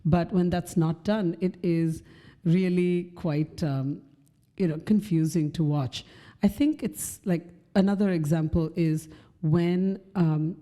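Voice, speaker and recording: A woman co-hosting a podcast who speaks thoughtfully and pauses to search for her words. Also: fairly low pitch, steady tone, warm tone. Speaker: podcast co-host. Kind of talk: casual conversational chat.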